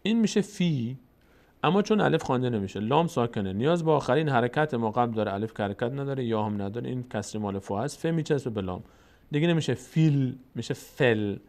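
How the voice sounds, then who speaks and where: A man teaching the rules of Quran recitation, explaining in plain speech and then reciting verses slowly and drawn out. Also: mid-range voice, lively intonation, darkish tone.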